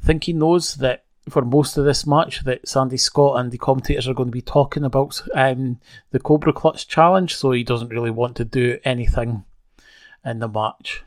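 A man's voice: mid-range voice, no room sound, clean studio sound. A man casually recapping an old wrestling broadcast, conversational with wry asides. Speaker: wrestling show reviewer.

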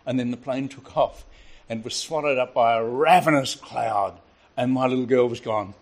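An older man preaching a sermon, telling a family story with a lively, varied delivery. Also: mid-range voice, moderate pace.

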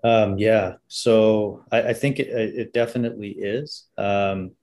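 A man's voice: lowish voice, steady tone, takes it slowly, darkish tone. A man answering as a guest in a business interview. He talks thoughtfully and often restarts his sentences. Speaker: health software company guest.

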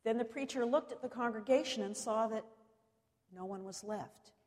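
A woman preacher delivering a cathedral sermon in measured, solemn oratory, pausing deliberately between short phrases. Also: on the high side, darkish tone. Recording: long reverberant echo of a large hall.

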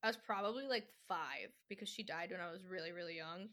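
A young woman in casual chat with a friend, chatty and animated, laughing easily. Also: lowish voice, quick pace.

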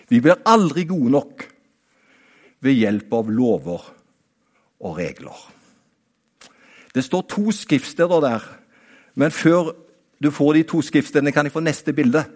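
A man preaching a sermon. He talks straight to his listeners, rising to emphatic high points and then dropping to quiet asides. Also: long pauses. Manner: animated, talks straight to the listener with repeated "vet du hva?"; swings between raised, emphatic peaks and quiet, low-voiced asides.

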